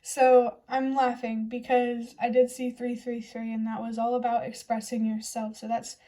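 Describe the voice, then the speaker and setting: Mellow, even-toned young woman. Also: fairly high pitch, normal speed. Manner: gentle, reassuring, chatty. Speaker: tarot reader. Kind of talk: casual tarot reading to camera.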